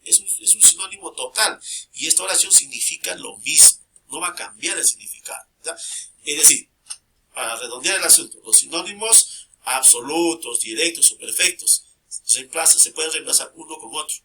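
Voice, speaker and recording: A man's voice: a little high, lively intonation, moderate pace, pushed and bright. A man teaching a grammar lesson, repeating key terms and checking in constantly with short questions to his students.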